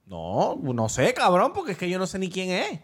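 Man, podcast co-host, animated pitch, stammering, casual. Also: moderate pace, slightly rough. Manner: expressive, stammering restarts.

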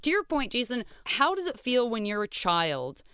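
Woman podcast host, clear smooth voice, expressive casual chat, very dry sound. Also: fairly high pitch, moderate pace, no room sound. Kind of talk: casual chat, episode recap.

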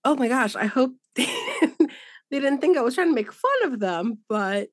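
A woman's voice: high voice, big pitch swings, normal speed, no room sound, studio quality. A woman co-hosting a true crime podcast, chatting casually and rambling with fillers and laughs. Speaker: podcast co-host. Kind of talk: casual chat.

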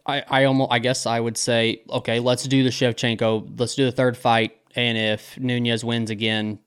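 A man with a mid-range voice chats on a podcast, halting and stumbling as he works out what he means. He speaks as one of the show's hosts. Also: mid-range voice, little pitch movement, fairly bright tone, smooth. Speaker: podcast co-host. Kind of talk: casual chat.

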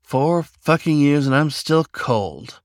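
A flustered young chipmunk answers in quick, fussy bursts, as a man puts him on. His voice sits a little higher than the narration. The sound is dry and close. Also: expressive, dry recording. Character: flustered young male chipmunk, easily embarrassed.

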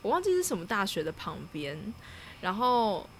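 A woman telling a personal travel story in a casual chat, laughing often and pausing to search for words. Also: medium pitch, big pitch swings, slight background noise.

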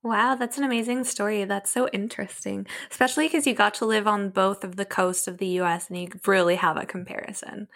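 A woman's voice: mid-range voice, steady tone, fairly quick, vocal fry, hardly any pauses, a bit bright. A woman hosting a podcast, asking questions in an encouraging, reactive way. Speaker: podcast host. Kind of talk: casual interview.

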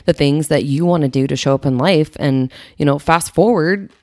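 A woman hosting a podcast in a casual way, with a raspy, hoarse voice that is nearly gone. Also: low voice, normal speed, darkish tone, dry recording, studio quality. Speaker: podcast host.

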